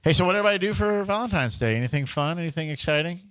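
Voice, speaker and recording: A man's voice: expressive, racing, a bit bright, clear, resonant tone, no echo. Chatty podcast man, dry sound. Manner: chatty storyteller, slips into a booming radio-DJ voice. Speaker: podcast co-host. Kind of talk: casual comedic chat.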